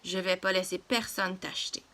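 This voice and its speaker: A woman voicing a firm, patient father who speaks slowly. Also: lowish voice, fairly even intonation, bright, forceful tone. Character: patient strict father, adult man.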